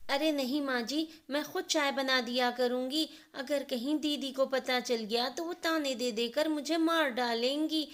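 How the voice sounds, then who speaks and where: A woman's voice: high voice, unhurried, few pauses. A woman voicing a polite, anxious young daughter-in-law.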